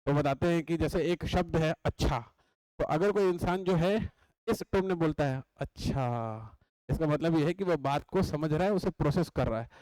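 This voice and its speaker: A man's voice: on the high side, moderate pace, darkish tone, no room sound, poor audio. A young man giving an exam-coaching lecture. He explains in a chatty way, repeats his points and often checks that the class is following. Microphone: writes on a board while talking.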